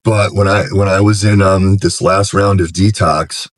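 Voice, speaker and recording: Middle-aged guy, real deep voice, talking straight about his own life, lots of stop-and-restart, gets fired up reliving stuff. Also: measured pace. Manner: earnest and frank, frequent restarts, grows animated when retelling scenes. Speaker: recovery director, podcast guest. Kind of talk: candid personal storytelling in conversation.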